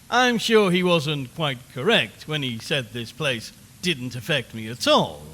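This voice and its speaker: Here a man with a slightly high, somewhat bright voice gives an exaggerated performance as a nervous, talkative radio reporter stuck in a haunted house. It's horror audio drama acting styled as a live broadcast, with wry, conversational asides to the listeners. Long reverb, hiss, and ambient noise sit in the background.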